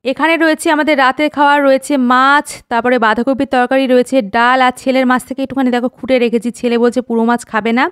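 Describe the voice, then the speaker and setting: Woman in her 40s, high voice, quick talk, dry close sound, chatty home vlog narration. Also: steady tone, fairly bright tone, clean tone, no room sound. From West Bengal. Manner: chatty, homely, addresses viewers directly. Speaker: vlogger.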